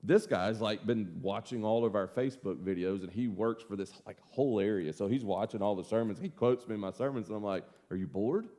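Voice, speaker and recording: A man's voice: on the low side, fairly quick, hardly any pauses, dark tone. A middle-aged man teaching a casual Bible study as pastor, a folksy, self-deprecating storyteller.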